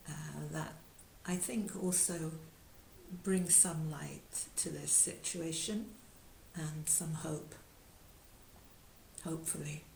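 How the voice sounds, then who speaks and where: A woman spiritual teacher telling a story in a soft-spoken, reflective way, halting with pauses. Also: low voice, gravelly. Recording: echoey room with faint hiss.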